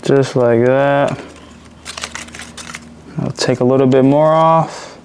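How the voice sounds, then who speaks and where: Young man, casual DIY narration, laid-back, mid pitch, faint background noise. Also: steady tone, takes it slowly, darkish tone. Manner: laid-back, swears casually, talks while working. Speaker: DIY car repair vlogger.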